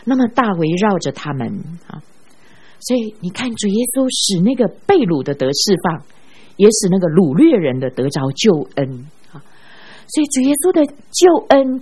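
A woman preaching a sermon, telling stories in an animated way and ending phrases with a drawn-out "ah". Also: mid-range voice, breathy edge. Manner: animated storyteller who ends phrases with a drawn-out "ah". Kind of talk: sermon with storytelling.

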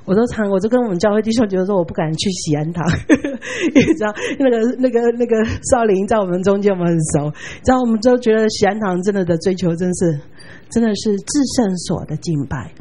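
Brief: woman guest preacher, mid pitch, breathy, animated storytelling sermon. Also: fast. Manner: animated, often asks "you know?".

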